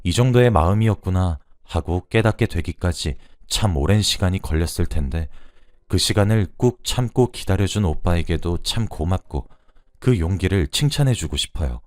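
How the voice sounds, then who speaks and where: A man's voice: low-pitched, animated, moderate pace, a little mellow, no room sound. A man reading out a first-person true story as scripted narration.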